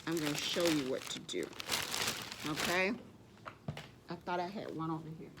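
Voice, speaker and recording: Amid heavy background noise, a woman with a deep voice speaks at normal speed while hosting a children's library storytime. She tells stories and shows crafts to young children, often calling herself by name in the third person.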